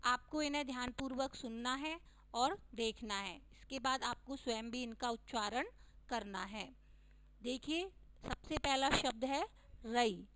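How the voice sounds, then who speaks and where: A woman teacher giving a recorded lesson to young children, speaking slowly and stressing each vowel sign with care. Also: on the high side, a bit bright, slight background noise, poor audio. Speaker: schoolteacher.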